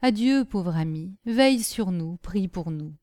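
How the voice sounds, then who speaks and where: A woman's voice: on the low side, lively intonation, a little slow, dark tone, dry recording, clean studio sound. A woman reader voicing a gendarme sergeant of thirty, solemn and tender in grief, curt when pushed. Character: grieving, earnest gendarme sergeant, a man of thirty.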